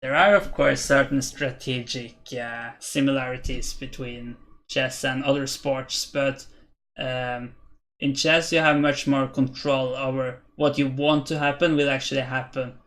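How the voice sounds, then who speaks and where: Reading viewer chat during his chess stream, a young Norwegian man in his twenties thinks aloud and hesitates as he answers. He has a Norwegian accent, a medium pitch and a fairly bright tone, speaking flatly and without hurry in this casual commentary.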